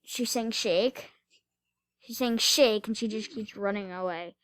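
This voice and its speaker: A woman's voice: mid-range voice, normal speed, smooth, no room sound. A woman doing casual reaction commentary, giggling and retelling each clip in a rambling way. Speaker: reaction vlogger.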